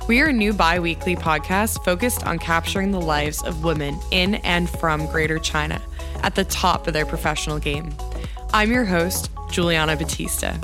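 Upbeat woman podcast host. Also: lowish voice. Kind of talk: scripted intro then interview.

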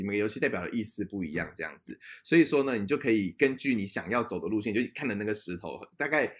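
Animated, fast-talking man telling a story. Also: fairly low pitch. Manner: animated storyteller, laughs often, mixes in English words. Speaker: podcast co-host. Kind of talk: casual chat, storytelling.

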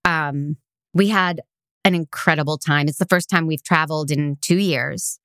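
A woman's voice: low voice, moderate pace, fairly bright tone, clear, resonant tone, no echo, studio quality. An American woman co-hosting a podcast in casual chat, teasing and firm in her opinions. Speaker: podcast co-host.

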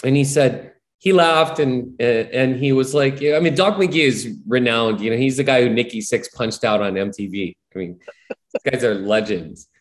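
A musician guest from Hawaii tells his story earnestly and ramblingly, dropping in many "you know"s as he reflects casually. His voice is mid-range at normal speed.

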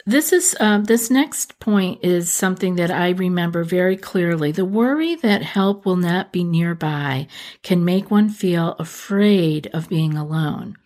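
A woman hosting a podcast, speaking to the listener directly in a gentle, reassuring way. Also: on the low side, lively intonation, a little slow. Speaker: podcast host. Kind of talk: calm reassuring self-help talk to the listener.

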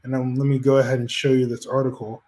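Male co-host, casual, rambling and argumentative, middle pitch. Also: level tone, fast talker, warm tone. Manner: rambling, argumentative, frequent restarts. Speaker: podcast co-host. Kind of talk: casual chat.

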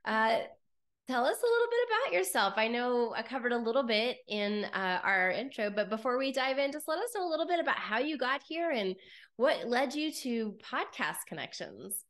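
A woman's voice: on the high side, big pitch swings, moderate pace, fairly bright tone. A woman hosting a podcast interview, upbeat and enthusiastic, asking long, winding questions. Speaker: podcast host.

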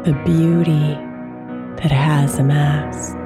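A woman host speaking a slow, soft guided meditation prayer, some lines near a whisper. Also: low voice, flat delivery. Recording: music bed under the voice. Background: soft new-age guitar music.

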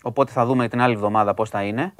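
Measured man explaining the news. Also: mid-range voice, steady tone, no echo. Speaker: radio host giving the news. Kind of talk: casual news talk.

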